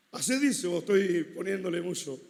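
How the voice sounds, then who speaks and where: A man with a Chilean Spanish accent preaching a sermon, swinging from loud shouting to hushed asides. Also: sits high, vocal fry. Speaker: pastor. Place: large church hall at a congress. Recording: long hall reverb.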